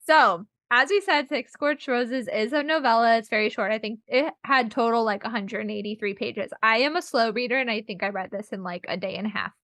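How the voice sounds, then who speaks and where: Bright, giggly young woman podcaster. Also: a little high, fairly quick, hardly any pauses, no echo. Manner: giggly and scattered. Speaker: podcast co-host. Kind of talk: casual chat.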